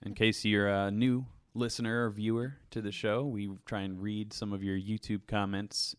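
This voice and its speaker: A man's voice: fairly low pitch, little pitch movement, moderate pace, clear, resonant tone, no room sound. A man co-hosting a podcast, trading jokes and playful banter on a studio microphone. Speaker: podcast co-host. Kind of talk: casual chat.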